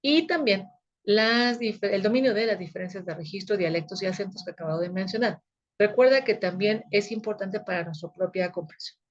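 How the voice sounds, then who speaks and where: A woman's voice: mid-range voice, fairly quick, muffled recording. A woman, teaching a recorded video lecture in a conversational way that often checks her listeners are following. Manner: conversational, frequent checking tags.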